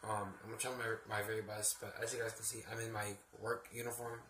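A man's voice: lowish voice, little pitch movement, fast, pushed and bright. A young man vlogging casually and hesitantly in his bedroom, under the weather with a sore throat and a cold sore on his lip. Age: young adult. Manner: subdued, hesitant, rambling. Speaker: vlogger, theme park ride worker. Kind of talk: casual vlog chat. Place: small bedroom, indoors. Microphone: phone or laptop at arm's length. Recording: faint noise, handheld home recording.

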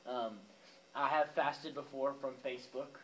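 A young man, a youth pastor, delivers a sermon to teens in a church youth room with a live audience, chatting casually and speaking right to them with fillers and asides. His voice sits in the mid range, level in tone and a little slow. The recording is rough, with slight background noise.

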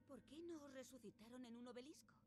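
A woman's voice: high-pitched, quick pace, natural voice. A woman voicing a formal, courteous female video game character with an archaic way of addressing others. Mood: solemn questioning. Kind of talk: dubbed video game acting. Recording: game music behind the voice.

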